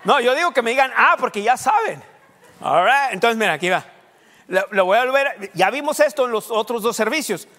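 A man's voice: extremely high pitch, expressive, fairly quick, bright, forceful tone. A male pastor preaching a teaching sermon, quizzing his congregation and dropping English fillers. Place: church hall. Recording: echoey church hall.

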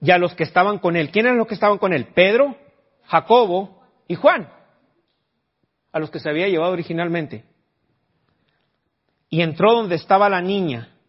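A man's voice: sits high, normal speed, long pauses. A man preaching a sermon in a conversational way, often quizzing the congregation. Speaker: pastor. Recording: dull lo-fi recording.

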